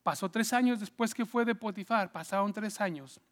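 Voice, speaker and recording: A man's voice: sits high, moderate pace. A man preaching a sermon conversationally, checking in with "¿sí?" and acting out the people he quotes. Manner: conversational, asks "¿sí?" often, acts out quotes. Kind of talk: sermon storytelling.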